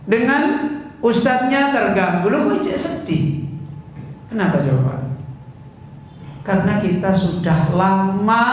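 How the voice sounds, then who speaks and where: A man's voice: high-pitched, slight background noise. Echoey distant male preacher. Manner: conversational, asks the audience questions and answers them. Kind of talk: sermon. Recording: echoey room, voice from far off.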